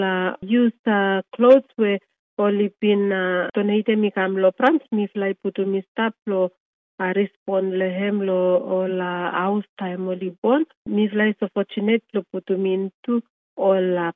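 Halting Vanuatu woman, muffled dry radio sound. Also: mid-range voice, no room sound. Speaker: Red Cross manager. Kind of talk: radio interview in Melanesian pidgin. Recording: muffled lo-fi radio interview audio.

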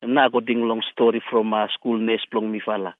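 A man's voice: on the low side, little pitch movement, a little fast, no echo. A man with a Solomon Islands accent speaking Solomon Islands Pidgin as an interviewee in a radio news interview. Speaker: school health committee chairman being interviewed. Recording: tinny phone-like radio line.

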